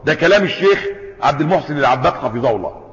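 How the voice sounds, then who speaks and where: A man with an Egyptian Arabic accent teaches a religious lesson in a fairly high voice. He shifts from formal recitation to everyday explanation and keeps asking his listeners questions. The recording sounds dull and lo-fi, with long reverb from a large hall. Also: expressive, rapid-fire, fairly bright tone. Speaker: sheikh teaching a creed commentary. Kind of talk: lecture-style religious lesson.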